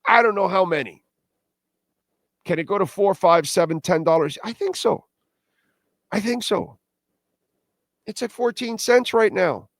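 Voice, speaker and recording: A man's voice: high voice, unhurried, long pauses, no echo. Emphatic man, casual show host, dry sound. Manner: emphatic, repetitive, punctuated with rhetorical questions; blunt, self-deprecating, salty slang. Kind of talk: casual, opinionated monologue to viewers.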